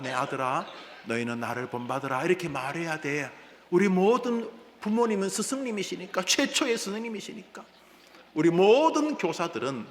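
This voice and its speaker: A man who is a senior pastor, preaching a sermon in an animated way, swinging from loud to hushed. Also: mid-range voice. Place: church sanctuary. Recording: echoey church hall with room noise.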